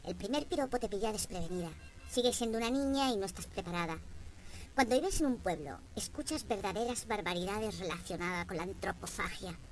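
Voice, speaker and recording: A woman's voice: medium pitch, lively intonation, brisk. A woman with a Spain Spanish accent delivering a comic monologue in a wry, sarcastic storytelling manner. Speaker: comedian.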